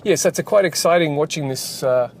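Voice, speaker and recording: Brisk and a little mellow, with a slightly high voice, a game developer and channel host chats casually while driving. He rambles with lots of fillers and restarts as road noise from the moving car plays underneath.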